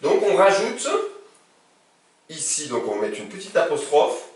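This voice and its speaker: Slow, animated male teacher in echoey room. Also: fairly high pitch. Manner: patient, checks understanding often. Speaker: Arabic teacher. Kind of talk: classroom lesson. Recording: very echoey room, distant mic.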